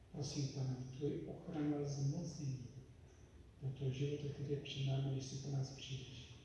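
A man preaching and leading prayer, earnest and pleading, sometimes dropping to a hush. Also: fairly high pitch, far from the mic. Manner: earnest, pleading prayer with soft hushed passages. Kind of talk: sermon and prayer. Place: church hall. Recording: echoey hall, miked from afar, background noise.

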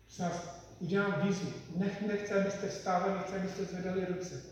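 A man preaching and leading prayer, earnest and pleading, sometimes dropping to a hush. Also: high-pitched, fairly even intonation, distant mic. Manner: earnest, pleading prayer with soft hushed passages. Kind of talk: sermon and prayer. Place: church hall. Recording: echoey hall, miked from afar, background noise.

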